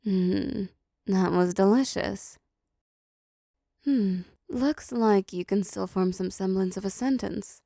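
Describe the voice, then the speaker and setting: A woman performs the role of a seductive, possessive female demon, talking slowly and teasingly to the listener in an intimate roleplay audio drama and using condescending terms of endearment. Her voice is mid-range, gravelly and warm. It's a dry, studio-quality recording.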